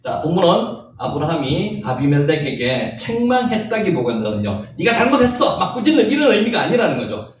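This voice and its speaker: A man's voice: sits high, muffled recording, a little hiss or hum. A man giving a Bible lecture, stressing key words by repeating them and quizzing his listeners. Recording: very echoey room, mic far off.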